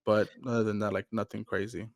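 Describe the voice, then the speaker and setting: Young male co-host, low voice, dry close sound, easygoing rambling talker. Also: little pitch movement, brisk, creaky, no room sound. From Mexico. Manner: laid-back, rambling with many fillers. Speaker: podcast co-host. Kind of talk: casual chat.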